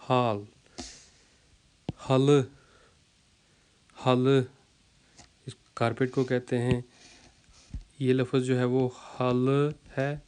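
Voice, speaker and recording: Man slowly drilling vocabulary, smooth voice. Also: mid-range voice, a little mellow. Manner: slow, repeats words to drill pronunciation, many fillers. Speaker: language teacher. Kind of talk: explaining vocabulary lesson.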